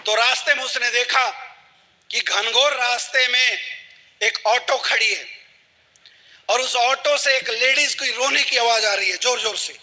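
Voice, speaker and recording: A man's voice: very high-pitched, a little slow, sharp tone, in a large hall. A man giving a motivational talk to a live audience, telling a story and asking the audience rhetorical questions. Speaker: motivational speaker.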